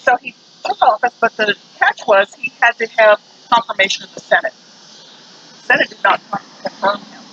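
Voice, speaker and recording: A man's voice: high-pitched, normal speed, bright, forceful tone, breathy edge. A man telling local stories to a tour group in a folksy, conversational, digressive way. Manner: folksy, digressive, acts out short quotes. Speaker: ghost tour guide. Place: outdoors on a noisy street. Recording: dull outdoor street recording with traffic noise.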